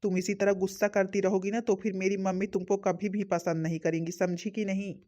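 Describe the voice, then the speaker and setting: A young husband, acted by a voice actor in a cartoon story. He speaks at a mid pitch, soothing at first and then lecturing patiently. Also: level tone, brisk, dark tone, muffled recording, natural voice. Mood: coaxing. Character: young husband, calm and instructing.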